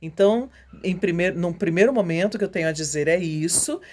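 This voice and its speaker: Measured lower-voiced woman voice teacher. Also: darkish tone. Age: middle-aged. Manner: measured, frequent "né" tag questions. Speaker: voice professional answering students. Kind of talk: informal spoken lesson.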